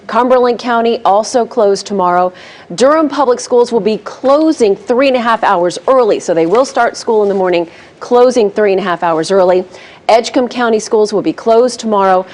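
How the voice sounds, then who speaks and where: A woman's voice: mid-range voice, darkish tone. An American woman co-anchoring a TV newscast, reading scripted news.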